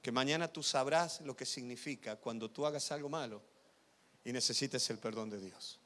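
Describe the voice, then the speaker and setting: A male pastor with a medium-pitched voice preaches a sermon at a moderate pace, swinging from loud, emphatic passages to quiet, intimate asides. He often asks the congregation whether they follow. The recording carries the reverb of a church hall.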